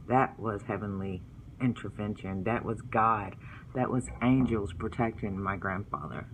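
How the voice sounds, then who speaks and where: A man's voice: mid-range voice, a little hiss or hum, rough recording. A man telling family stories in a vlog, partly reading from his book, in an earnest and heartfelt way. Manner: earnest, heartfelt, religious storytelling. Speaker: vlogger.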